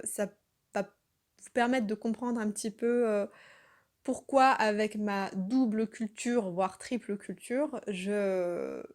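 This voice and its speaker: A woman from France talking spontaneously in an unscripted monologue, earnest and reflective, with many pauses and self-corrections. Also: medium pitch, darkish tone. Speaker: channel host.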